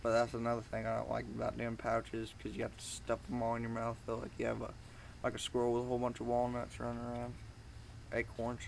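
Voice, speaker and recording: A young man giving a casual, rambling review in a halting, informal way, talking with chewing tobacco packed in his lip. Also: mid-range voice, completely flat delivery, gravelly, background noise. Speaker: amateur product reviewer.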